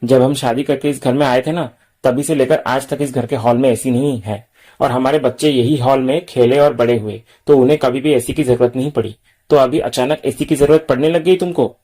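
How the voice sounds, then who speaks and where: A proud, penny-pinching father who explains his reasons at length, read by a man in his normal voice. His delivery is measured and lecturing. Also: medium pitch, steady tone, warm tone, close to an everyday voice. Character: frugal middle-aged father, proud, lecturing.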